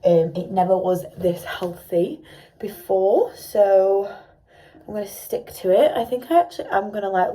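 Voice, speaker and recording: A woman's voice: fairly low pitch, dark tone. A young woman vlogging casually at home, rambling with lots of fillers and a slight sore throat. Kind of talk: casual vlog chat to camera.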